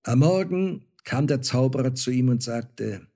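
A man reading a fairy tale aloud as narrator, calm and measured. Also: mid-range voice.

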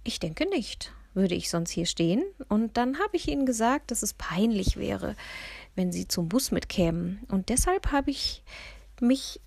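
A woman's voice: medium pitch, animated, a little slow, gravelly, a little mellow, breathy edge, no room sound, exaggerated voice. A woman reading a story voices an eager, cheerful schoolgirl who gushes her thanks. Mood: conspiratorial. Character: excited cheerful young schoolgirl.

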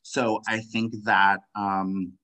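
A young adult man speaking as a guest in a casual conversation, impassioned, full of "like" fillers and quick laughs. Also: on the low side, little pitch movement, bright, forceful tone, rough recording.

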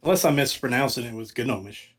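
A man in a tabletop game session, talking in a laid-back, deliberate way. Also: medium pitch, lively intonation, a little hiss or hum. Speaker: player.

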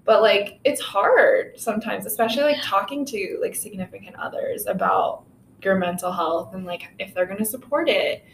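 A woman's voice: medium pitch, moderate pace, echoey room, slight background noise, poor audio. A young woman co-hosting a podcast, speaking candidly and self-consciously about her anxiety, with little laughs. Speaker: podcast co-host. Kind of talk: casual chat.

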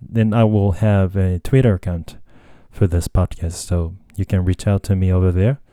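A man's voice: sits low, fairly even intonation, moderate pace, warm tone, no room sound, studio quality. A young Japanese man with a Japanese accent hosting a casual solo podcast, talking hesitantly with many fillers and self-corrections. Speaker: podcast host. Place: Tokyo, Japan.

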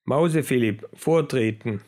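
A man voicing a sly, clever male mouse who mocks and shouts orders with a piercing voice and a rolled R. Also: mid-range voice, slow, close to an everyday voice. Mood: commanding, mocking.

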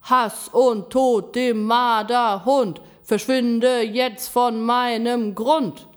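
A woman voicing an enraged forest creature that screams high and strained. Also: steady tone, drawn-out words. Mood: chanting. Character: furious shouting forest creature, the Gram.

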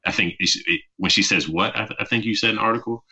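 A man's voice: fairly low pitch, fast, bright, forceful tone, breathy edge. A man hosting a podcast, asking long, rambling questions filled with "you know" and affirming the guest. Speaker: podcast host. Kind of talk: casual interview questions. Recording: slightly dull podcast audio.

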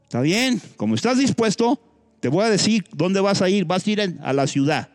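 Animated pastor preaching over faint music. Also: male voice, normal speed, dry recording, studio quality. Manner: animated preaching with sudden jumps in pitch; thinks aloud with restarts and asides. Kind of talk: sermon.

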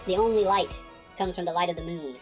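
A woman narrating a tabletop game as game master, easygoing and quick to laugh. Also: on the low side, a little mellow, faint music behind, poor audio.

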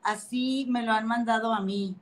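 A woman's voice: on the high side, fairly even intonation, moderate pace. A woman with a Mexican Spanish accent hosting a casual gossip podcast, chatting with her comadre and reading viewer comments aloud. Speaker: podcast host.

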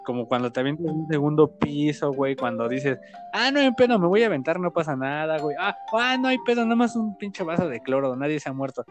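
A man in his twenties from Mexico with a Mexican accent, chatting casually with crude slang and animated storytelling. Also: fairly high pitch, quick pace, faint music behind. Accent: Mexican Spanish. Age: 20s. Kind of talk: casual chat.

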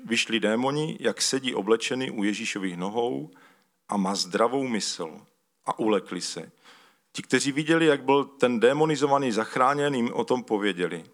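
Here a preacher with a middle-pitched, slightly bright voice keeps his sermon casual and talky. He stops to have slides put up, reads a passage of scripture, and often restarts or fills gaps with loose words.

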